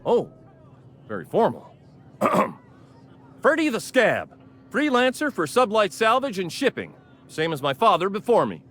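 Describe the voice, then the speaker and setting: An actor playing a brash, hotheaded male salvage scavenger in a game, loud, whiny and boastful. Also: high voice, huge pitch swings, measured pace, pauses often, full character voice. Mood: aggrieved. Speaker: game character.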